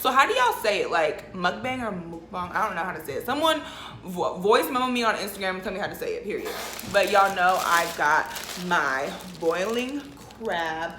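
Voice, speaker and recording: A woman's voice: mid-range voice, sing-song, normal speed, sharp tone, roomy sound, a little hiss or hum. A young woman telling a story casually while eating, chatty, with lots of "like" and frequent laughs. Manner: chatty, says "like" a lot, laughs often. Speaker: vlogger.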